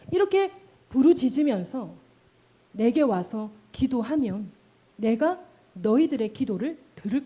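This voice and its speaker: A middle-aged woman pastor giving a sermon, telling stories with animated delivery and asking the congregation questions. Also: fairly high pitch, breathy edge. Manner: animated storytelling, acting out cries and calls.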